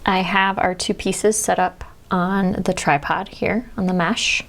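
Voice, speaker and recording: Low, gravelly Midwestern woman teaching. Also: fairly even intonation, a little slow, a bit bright. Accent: Midwestern American. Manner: friendly, explanatory, drops to near-whisper while concentrating. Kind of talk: step-by-step craft demonstration.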